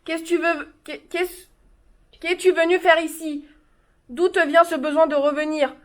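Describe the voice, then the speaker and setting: A woman's voice: very high voice, steady tone, unhurried. A woman playing a frightened, grieving mother in a stage play, tense, scolding and pleading.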